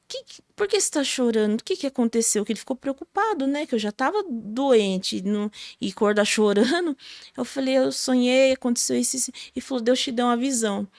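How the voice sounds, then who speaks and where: A Brazilian gospel singer shares her personal testimony in a podcast interview, telling it emotionally in Brazilian Portuguese with many fillers like "sabe?". Her voice is a little high, captured dry with studio quality.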